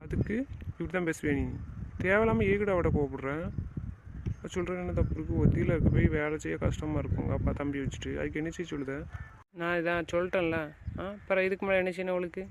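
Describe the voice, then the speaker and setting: A man plays a bossy family elder, lecturing in a high, rapid voice. Each line ends in a pointed question. Rural outdoor noise runs clearly underneath. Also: steady tone, lightly acted. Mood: scolding. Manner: scolding, lecturing, rhetorical questions. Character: domineering, scolding male family head. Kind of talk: village family drama acting.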